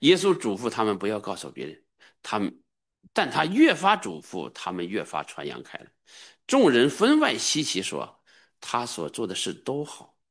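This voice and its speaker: A middle-aged man preaching a sermon as a pastor, emphatic and sometimes bursting into high-pitched exclamations. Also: huge pitch swings, normal speed, fairly bright tone.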